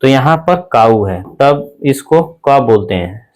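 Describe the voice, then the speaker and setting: A man's voice: medium pitch, animated, slow. A man teaching a lesson, explaining letter by letter and asking rhetorical questions. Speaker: English teacher. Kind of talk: classroom-style spoken lesson.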